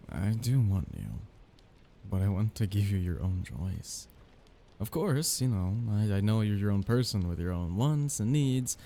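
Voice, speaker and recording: In an intimate ASMR romance roleplay, a man plays a soft-hearted, nervous young mafia heir, speaking softly, haltingly and apologetically. His voice is lowish and creaky, with slight background noise.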